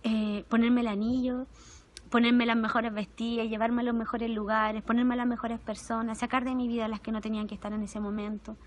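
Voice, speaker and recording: A young adult woman with a Chilean Spanish accent, preaching an intimate, emotional testimonial sermon that moves between soft and animated moments. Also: a little high, a little fast.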